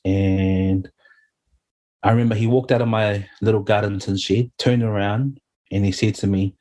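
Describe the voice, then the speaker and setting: A man's voice: lowish voice, fairly even intonation, moderate pace, dark tone. A middle-aged man, sharing his story earnestly and heartfelt as an interview guest, often saying "you know". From New Zealand.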